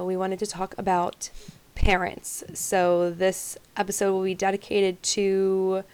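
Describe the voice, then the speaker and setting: A young woman co-hosting a casual podcast chat, chatty and quick to laugh. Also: mid-range voice, smooth, dry recording. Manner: giggly, chatty, lots of laughter. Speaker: podcast co-host.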